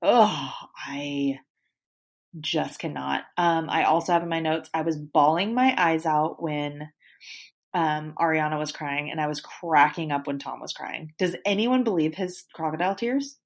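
This podcast co-host speaks in a low-pitched voice at an even, measured pace. Chatting casually about a reality show, she animatedly performs quotes from it.

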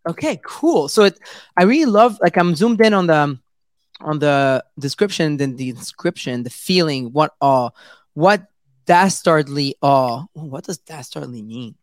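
Chatty high-ish male host, dry sound. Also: lively intonation, normal speed, dry recording. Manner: chatty and enthusiastic, laughs often. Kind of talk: casual interview chat.

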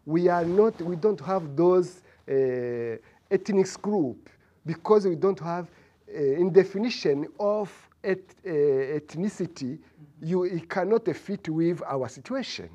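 A man from Rwanda with a Rwandan accent gives a church testimony, haltingly, searching for words and repeating phrases. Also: sits high, lively intonation, dark tone, lo-fi sound. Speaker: congregation member giving testimony.

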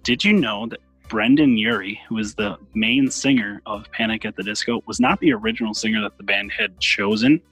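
A man's voice: fairly low pitch, expressive, a little fast, few pauses, a bit bright, husky. A man co-hosting a casual podcast, running a music quiz game in a playful, chatty way with sing-song announcements. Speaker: podcast co-host and game runner.

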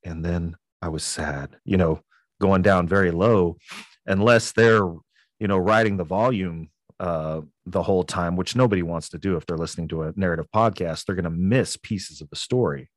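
Man, very low voice, dry close sound, laid-back guest who rambles with fillers. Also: normal speed, dry recording. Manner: relaxed, rambling with many fillers. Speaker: podcast guest. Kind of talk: casual interview chat.

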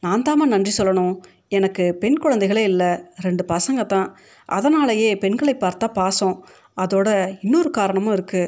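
A woman's voice: mid-range voice, normal speed, lightly acted. A woman reading as a kindly older man. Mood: warm, earnest. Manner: calm, fond and joking.

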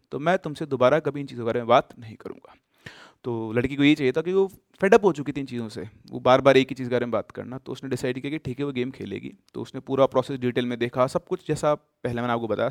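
A man casually telling a horror story, with emphatic bursts and sudden hushed drops. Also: medium pitch, no echo, clean studio sound.

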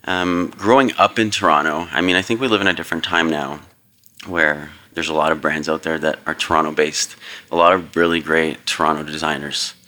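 A man's voice: very deep voice, fairly even intonation, fairly quick, sharp tone. A man hosting a podcast, chatting casually and hesitantly with many ums and restarts. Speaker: podcast host. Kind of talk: casual interview chat.

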